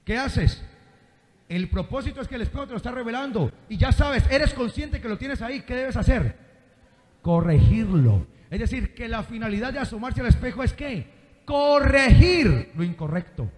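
A man's voice: very high-pitched, expressive, normal speed. A man preaching a sermon, constantly quizzing the congregation with call-and-response questions. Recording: reverberant hall.

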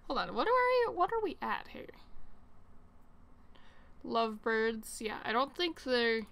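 A woman's voice: on the high side, big pitch swings, a little slow, a bit bright. A young woman chatting casually as she plays a life-simulation game, rambling and reacting with surprise. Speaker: let's play host. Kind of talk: casual gameplay commentary.

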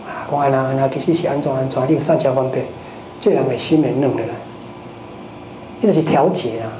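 Buddhist teacher preaching in a roomy hall. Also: mid-range voice. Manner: lively, rhetorical questions to the audience. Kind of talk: dharma lecture. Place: lecture hall of a Buddhist society. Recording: roomy hall with faint noise.

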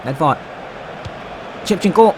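A man giving excited, animated play-by-play commentary on a football video game, with frequent exclamations and a Thai accent. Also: measured pace, background noise. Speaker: gaming YouTuber.

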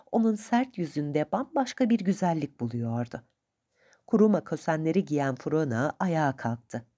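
A woman narrating a novel for an audiobook in a calm, measured storytelling manner. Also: deep voice.

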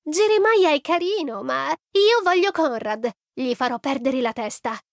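A woman's voice: animated, a little slow, no room sound. Lady reading a squealy bubbly teen girl, vain and showy, dry close sound. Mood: gushing. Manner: gushing, high and showy.

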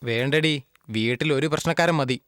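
An actor dubbing a rough, blunt young village man with a quick temper. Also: medium pitch, fairly bright tone, no room sound, close to an everyday voice. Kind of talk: Malayalam film dub acting.

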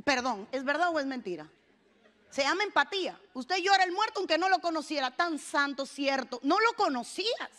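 A woman's voice: sits high, animated, a little fast, fairly bright tone. A woman pastor preaching a sermon with rising fervor, calling the congregation to repeat after her.

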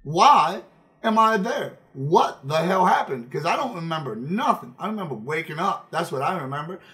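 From an indoor streaming setup, a high-pitched male game streamer tells casual, profane stories on a livestream at a moderate pace. He is animated and emphatic, repeating phrases for effect.

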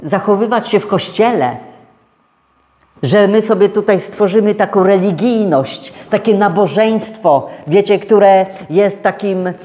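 A man's voice: unhurried, long reverb tail. A man preaching a conversational sermon as pastor, speaking straight to his congregation and acting out the voices he quotes. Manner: acts out quoted voices higher and louder. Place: church hall.

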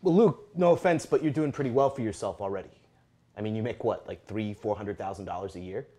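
A man's voice: lowish voice, fast talker, dark tone, close to an everyday voice. An actor in his thirties playing Richard, a broke, anxious cousin who stammers and pleads, recorded indoors in a house. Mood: pleading. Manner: hesitant, stammering, then pleading. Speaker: actor in a short film. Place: house basement and kitchen, indoors.

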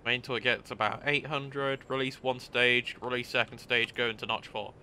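A man's voice: medium pitch, little pitch movement, moderate pace, sharp tone, slight background noise. A man streaming a train driving game, chatting casually and upbeat, throwing in sound-effect exclamations while he greets chat. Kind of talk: casual gameplay commentary.

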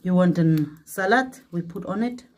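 A woman's voice: lowish voice, moderate pace, a little mellow, dry recording. Chatty woman coaxing farm animals. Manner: chatty, switching between German, English and Arabic. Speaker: vlogger. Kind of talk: casual chat while tending farm animals. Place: village farm and stable.

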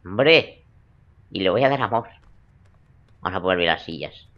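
Deep-voiced gamer cracking jokes. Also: male voice, lively intonation, normal speed, lo-fi sound. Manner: teasing, crude, playful banter. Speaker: let's play gamer. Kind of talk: joking gameplay commentary.

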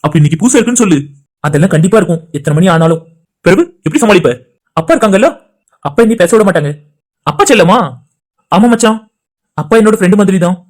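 A man voices a cast of village friends for a cartoon, trading rapid, chatty everyday banter. His voice is high for a man, and the lines come quickly, one after another. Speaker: cartoon channel creator voicing all characters. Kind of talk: cartoon dialogue voice acting.

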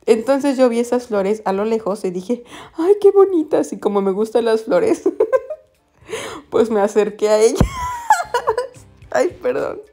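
A woman's voice: a little high, big pitch swings, takes it slowly, pauses often, mellow, soft background music. A young woman with a Mexican Spanish accent, chatting to her viewers in a casual vlog as she walks around town, telling stories with lots of giggles and exclamations. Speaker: vlogger. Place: walking around a quiet town center, then a café.

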